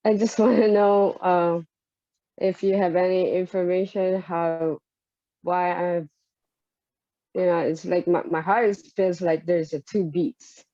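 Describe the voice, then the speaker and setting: A woman's voice: on the low side, steady tone, takes it slowly, dark tone, no echo. Hesitant woman on muffled audio. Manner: hesitant, nervous laughs, many restarts. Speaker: group participant. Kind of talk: asking a question.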